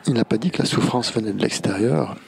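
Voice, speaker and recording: A man's voice: lowish voice, fast, vocal fry, darkish tone. A man interpreting a Buddhist teaching live, repeating and rephrasing phrases with playful asides. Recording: audience heard behind.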